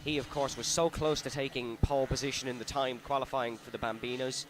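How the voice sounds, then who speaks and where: Male motorsport commentator over loud engine noise. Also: medium pitch, level tone, a little fast. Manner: commentates in running play-by-play, rising with the action. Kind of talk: live race commentary. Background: kart engines at an outdoor circuit.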